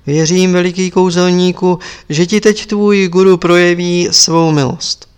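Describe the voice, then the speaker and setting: A man voicing an elderly male abbot who asks measured, probing questions, in a story read aloud. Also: sits high, fairly even intonation, clear, resonant tone, pitched above the performer's own voice, natural voice. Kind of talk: audiobook character reading.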